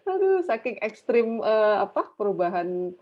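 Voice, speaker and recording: A woman's voice: mid-range voice, sing-song, unhurried. A woman with an Indonesian accent moderating a webinar informally, dropping in English phrases. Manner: mixes English phrases into speech. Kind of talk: chatty, informal hosting. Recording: dull, lo-fi online call.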